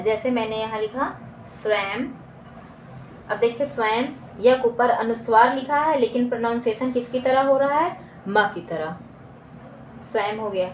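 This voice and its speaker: A woman teacher with a somewhat high voice walks her students through a grammar lesson. She asks questions and answers them, and she repeats definitions slowly. The recording is lo-fi and roomy, with a faint hum behind her. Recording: echoey dull lo-fi room recording.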